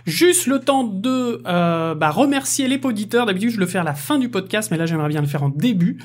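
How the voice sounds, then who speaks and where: A man's voice: sits high, expressive, quick pace. A man hosting a casual podcast interview, chatty and jokey, full of fillers. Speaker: podcast host.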